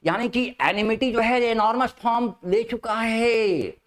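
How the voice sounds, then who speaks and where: A man teaching spoken English to a class, mixing Hindi and English, stretching out key English phrases slowly and often asking whether his students understand. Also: very high-pitched. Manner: lively, drawn-out emphatic English phrases, checks understanding often.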